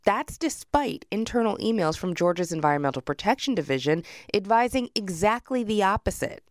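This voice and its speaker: A woman's voice: mid-range voice, animated, brisk, no echo, studio quality. An American woman working as a radio reporter, narrating a scripted news story.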